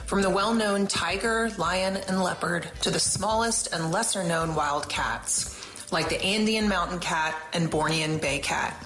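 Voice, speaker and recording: A woman who directs public relations for a conservation group, giving a formal, measured scripted explanation. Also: fairly low pitch, fairly bright tone. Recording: roomy echo with music bed.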